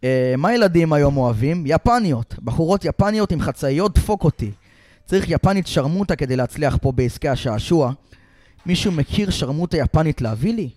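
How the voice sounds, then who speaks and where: A man doing an improvised comic bit as a sleazy, desperate male TV director, talking loud and vulgar and pleading. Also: a little high, expressive, close to an everyday voice. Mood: boastful.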